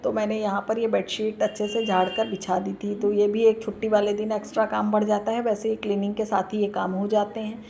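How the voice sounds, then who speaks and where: A woman's voice: mid-range voice, little pitch movement, a little fast, creaky, few pauses, mellow, a little hiss or hum. Homely woman narrating her daily routine. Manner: chatty, homely, explains step by step. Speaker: vlogger. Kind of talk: home vlog voice-over. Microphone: recorded voice-over.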